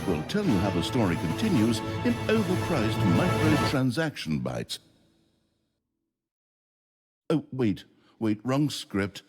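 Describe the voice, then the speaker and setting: A man's voice: mid-range voice, huge pitch swings, measured pace, a little mellow. A man playing a wry, pompous storyteller who narrates a fantasy game in a scripted, tongue-in-cheek style. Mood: wry, theatrical. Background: game music.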